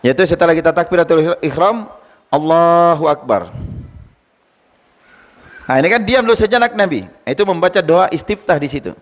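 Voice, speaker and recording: A male Islamic teacher giving a lively study lecture, quizzing his listeners and retelling anecdotes. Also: high-pitched, racing, few pauses. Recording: long hall reverb.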